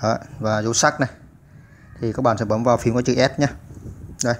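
A man's voice: medium pitch, fairly even intonation, a little fast, slight background noise. A man hosting a computer typing tutorial, explaining step by step with many "à" fillers. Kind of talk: step-by-step screen-recorded tutorial.

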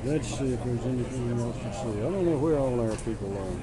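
A man's voice: mid-range voice, fairly quick, a crowd in the background, low-quality recording. A man filming outdoors on an old camcorder, narrating a home video and naming the people he points it at, with other people chatting around him. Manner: names people as he films them. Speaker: camera operator. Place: outdoors among a gathered group. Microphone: built-in camcorder mic. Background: people talking nearby.

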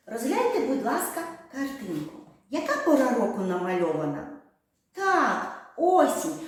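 A woman teaching a speech lesson to small children, drawing out her words in a slow, sing-song way. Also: mid-range voice. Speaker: kindergarten teacher. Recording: very echoey room.

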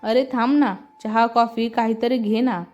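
A friendly, coaxing middle-aged man, as read by a woman narrator, in a fairly high voice. Soft music plays under a slightly dull sound. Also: steady tone, unhurried, natural voice.

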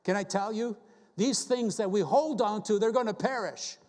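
A man's voice: high-pitched, moderate pace, a little mellow, long reverb tail. A man preaching a sermon as a guest preacher, earnest and full of rhetorical questions as he quotes scripture. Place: church sanctuary.

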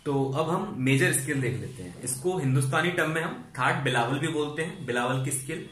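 A man's voice: fairly high pitch, animated, brisk, a bit bright, reverberant. A man patiently explaining music theory, going over points again and checking that his students follow. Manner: patient, repeats and checks understanding. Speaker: music teacher.

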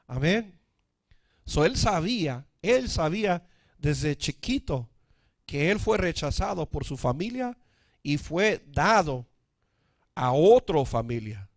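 A man's voice: high-pitched, dry recording, clean studio sound. A male pastor, preaching a sermon, calling out for amens and dropping in English words. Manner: preaching with frequent calls for amen.

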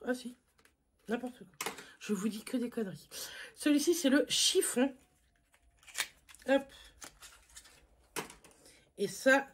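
Female beauty vlogger, relaxed and chatty, teasing herself while showing products to camera. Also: on the high side, slight background noise. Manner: chatty, self-mocking, lots of fillers. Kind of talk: casual makeup haul review.

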